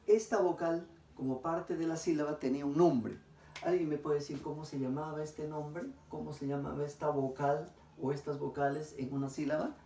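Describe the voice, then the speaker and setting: A male teacher, recorded a little away from the mic in a roomy, echoing space. His voice is mellow and dark. He asks his pupils questions, pauses, and answers them himself with warm praise. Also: fairly high pitch, far from the mic, a little hiss or hum. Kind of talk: recorded classroom lesson.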